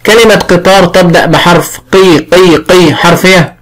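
A man with an Egyptian accent teaching early reading, sounding out syllables slowly and clearly. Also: high-pitched, steady tone, a bit bright, poor audio. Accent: Egyptian Arabic. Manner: slow, drawn-out sounding of syllables. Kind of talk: classroom phonics lesson.

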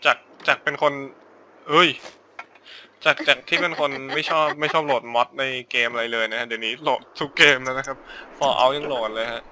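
A man's voice: mid-range voice, moderate pace, bright, forceful tone, a little hiss or hum. A man giving casual let's-play commentary, rambling and thinking aloud as he goes, often repeating words while he decides what to do next. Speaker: gaming YouTuber. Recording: game music clearly behind the voice.

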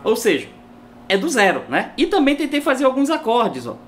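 A woman's voice: on the high side, huge pitch swings, normal speed. A woman teaching guitar in a casual video lesson, chatting and tagging her sentences with a questioning "né?" while she demonstrates on the guitar at home.

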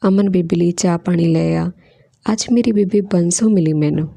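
A woman's voice: fairly low pitch, normal speed, gravelly, mellow. A woman doing an emotional young mother. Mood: earnest.

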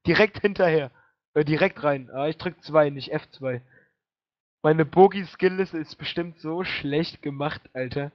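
Drunk high-voiced young German gamer. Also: male voice, no echo. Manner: crude, swears a lot, excitable. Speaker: online gamer. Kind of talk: casual voice chat while gaming. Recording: muffled lo-fi voice chat.

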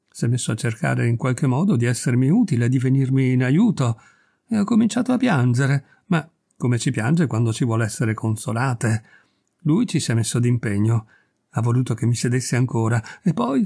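Man reading as a conspiratorial noblewoman, gravelly husky low hush, storybook. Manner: hushed, confiding, savoring the secret. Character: scheming gossiping noblewoman, gleeful, conspiratorial.

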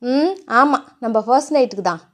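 A woman voicing a gruff, teasing young man, the hero of a romance audiobook, in a mock-threatening way. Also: high voice, expressive, a little fast, fairly bright tone.

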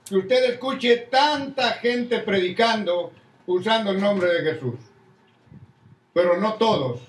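A man's voice: extremely high pitch, fairly bright tone. An older man, a pastor, preaching a sermon and calling his listeners "brother" along the way. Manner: preaching with many "hermano" asides. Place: church hall with crowd, indoors. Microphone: stand mic at pulpit. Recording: echoey room, distant from mic.

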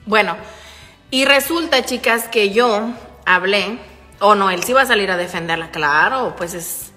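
Bright-voiced Mexican woman telling gossip. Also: mid-range voice, measured pace, big-room sound, soft background music. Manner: profane slangy talk addressed to "chicas". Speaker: livestreamer and online shop owner. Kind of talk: casual live-stream gossip storytelling. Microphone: phone.

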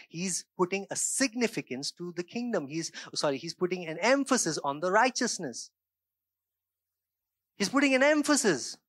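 A man's voice: fairly high pitch, a bit bright, no room sound, studio quality. A man in his thirties from India, a pastor preaching a sermon in a conversational way, often checking in with his listeners, into a handheld mic on a small church stage. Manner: gestures a lot while preaching on a stage.

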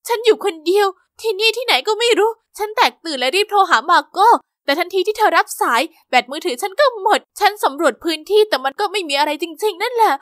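Female story narrator, high-pitched, lively and expressive, dry close studio sound. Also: no echo. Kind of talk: scripted first-person narration.

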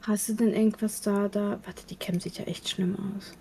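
A woman's voice: medium pitch, level tone, normal speed, dark tone, slight background noise, poor audio. A woman chatting casually on a stream, teasing her partner and fretting about how she looks. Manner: teasing, self-critical. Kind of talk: casual chat.

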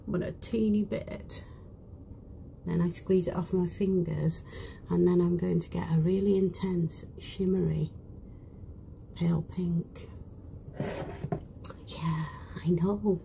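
Slow-talking woman with a broad British accent. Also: mid-range voice, vocal fry, slight background noise. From United Kingdom. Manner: chatty, drops into soft whispered asides while working. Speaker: beauty vlogger. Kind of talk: casual live makeup chat. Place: small cruise ship cabin.

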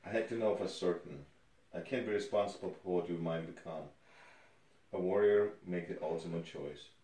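A man's voice: low voice, normal speed, warm tone, recorded from a distance, natural voice. A man performing a dramatic scene as a stern, contemptuous rescuer interrogating someone. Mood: solemn. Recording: echoey room, off microphone.

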